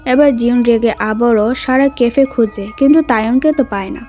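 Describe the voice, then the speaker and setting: A woman's voice: fairly high pitch, moderate pace, a little mellow, faint music behind. A woman retelling a film as a story, reading every character's lines in her own voice. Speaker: movie recap narrator. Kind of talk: storytelling narration with voiced dialogue.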